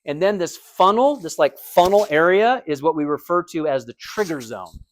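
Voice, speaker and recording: Speaking a little high with lively intonation and a moderate pace, an American-accented man teaches anatomy and physiology in a recorded lecture. His style is conversational, leaning on everyday comparisons and frequent check-ins with students.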